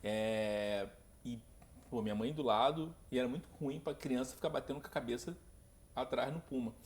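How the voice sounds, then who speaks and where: A man from hosting a casual podcast interview, telling stories in an animated way and acting out the scenes. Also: normal speed, roomy sound. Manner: animated storyteller, acts out scenes with big pitch jumps. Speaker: podcast host.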